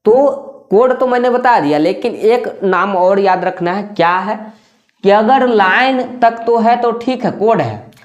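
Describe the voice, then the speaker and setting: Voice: medium pitch, a little slow, highs cut off. Patient, repetitive maths teacher. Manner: repeats key terms and asks rhetorical questions; checks in with tag questions. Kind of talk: classroom-style explanation.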